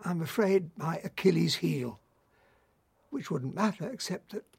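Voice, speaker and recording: Radio drama: a hurt man interrogating his partner, high-pitched, husky, dry sound. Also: a little mellow, no room sound, heavily acted. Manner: measured, hurt and accusing. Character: wounded, distrustful man questioning his unfaithful partner.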